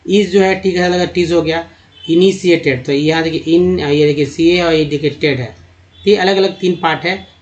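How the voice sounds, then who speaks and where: A man teaching how to read English, spelling out words letter by letter and pausing with fillers as he explains. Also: fairly high pitch, fairly even intonation, dull audio. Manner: addresses viewers as friends, spells words letter by letter, halting with fillers. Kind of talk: explanatory lesson.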